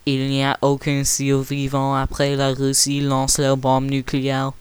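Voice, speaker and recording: A man's voice: mid-range voice, monotone, a little slow, clean tone, no echo, pitched below the performer's own voice, natural voice. A man voicing a doom-saying robot from the future in an amateur comedy sketch, chanting "beep boop" between his lines. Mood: ominous.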